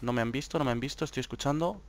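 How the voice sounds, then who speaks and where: A young man from Spain with a Spanish accent, hosting live gameplay commentary, swinging from hushed whispers to excited shouts. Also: medium pitch, very fast, background noise. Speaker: gaming channel host.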